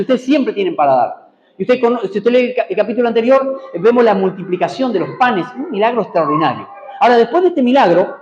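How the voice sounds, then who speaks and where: A man's voice: high-pitched, echoey room, lo-fi sound. A man preaching a sermon in a church, prompting the congregation to repeat after him and answer amen. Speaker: pastor. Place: church hall.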